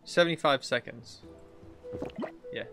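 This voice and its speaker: Game music plays as a man in his thirties narrates his let's play from a computer in an indoor room, reacting and thinking aloud in casual slang. He speaks a little slowly, in a medium-pitched, slightly bright voice.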